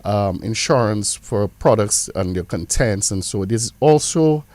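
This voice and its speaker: A man's voice: lowish voice, expressive, unhurried, a little mellow, no echo. A man with a Caribbean accent explaining as an insurance representative, emphatically repeating phrases for stress. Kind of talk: explanatory interview talk.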